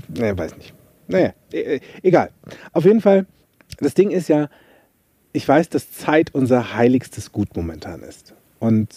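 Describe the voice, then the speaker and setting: A man's voice: mid-range voice, dark tone, husky, no echo. A man hosting a podcast, chatty and self-mocking as he tells a story and gives motivational tips. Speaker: podcast host, coach. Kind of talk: casual motivational podcast monologue.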